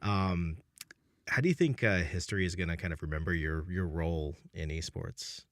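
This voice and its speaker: Man, podcast host, very deep voice, dry close sound, halting friendly questions. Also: fairly bright tone, no echo. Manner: friendly, halting, many restarts. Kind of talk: casual podcast chat.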